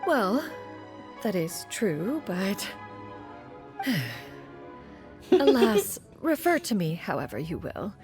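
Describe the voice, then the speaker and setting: A woman's voice: medium pitch, big pitch swings, takes it slowly, long pauses, a little mellow. A woman playing a proud, dignified ancient immortal in an anime game, speaking in haughty, archaic, formal phrases. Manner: haughty, archaic formal diction, calls herself "one". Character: ancient female adeptus in human form, proud and dignified. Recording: music behind game dialogue.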